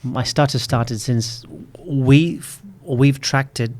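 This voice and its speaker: Late 30s guy w a stutter, repeats first sounds, slow thoughtful talk, middle-pitched voice, podcast guest. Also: darkish tone. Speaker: public speaking coach. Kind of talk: podcast interview.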